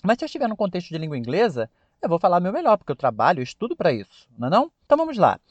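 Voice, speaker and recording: Brazilian male podcast host, English teacher, high and dry voice, repeats words carefully. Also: huge pitch swings, no room sound, highs cut off. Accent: Brazilian Portuguese. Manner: didactic, repeats words slowly for emphasis. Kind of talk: podcast lesson on English pronunciation.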